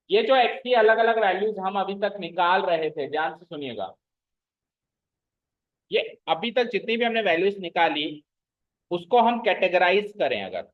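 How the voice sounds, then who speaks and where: High-voiced man teaching maths to a class. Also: dull audio. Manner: checks understanding with frequent questions to the class; explains slowly, repeating key terms. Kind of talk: classroom lecture.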